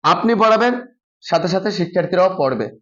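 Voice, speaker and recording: Male teacher, high voice, dull lo-fi recording, slow drilled syllables with soft low asides. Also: lively intonation. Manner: slow drawn-out spelling demonstrations with quieter low asides. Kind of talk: spoken classroom lesson demonstration.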